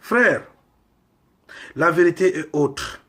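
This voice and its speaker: A man from Congo delivering a slow, emphatic sermon full of rhetorical questions. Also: on the high side, animated, fairly bright tone. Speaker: preacher.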